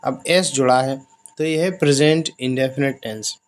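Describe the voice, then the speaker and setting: A man teaching basic English in Hindi, explaining each example and repeating the phrases slowly. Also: mid-range voice, steady tone. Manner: slow, drawn-out repetition of example phrases.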